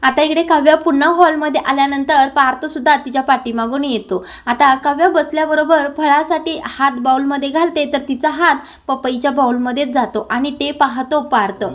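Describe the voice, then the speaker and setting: A woman retelling a TV serial's plot in a steady storytelling way. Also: high-pitched, normal speed, hardly any pauses. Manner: steady storytelling with many "now" links. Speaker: serial episode recap narrator.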